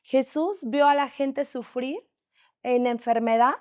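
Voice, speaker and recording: Woman, high voice, dry close sound, encouraging host of a faith chat. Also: slow, darkish tone, dry recording. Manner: encouraging, prompting others to share. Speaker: host leading a testimony session.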